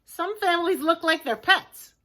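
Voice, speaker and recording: Like a teacher, a woman reads a children's picture book aloud, slow and expressive, with simple, deliberate phrasing. She adds hushed, chatty asides to her listeners. Her voice is extremely high-pitched.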